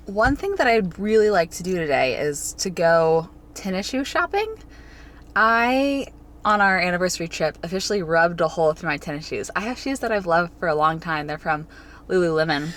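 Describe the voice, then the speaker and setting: A woman's voice: fairly low pitch, a little hiss or hum. A young woman vlogging in a casual, chatty, rambling way, filling her talk with "like". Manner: chatty, rambling, filler "like" throughout. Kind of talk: casual vlog chat.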